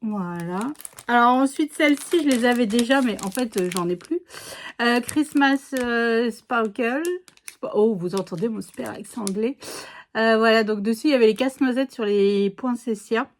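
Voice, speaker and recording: A woman's voice: on the high side, moderate pace, slight background noise. A middle-aged woman chatting casually as she unboxes a scrapbooking haul, rambling with many fillers and restarts. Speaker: scrapbooking vlogger.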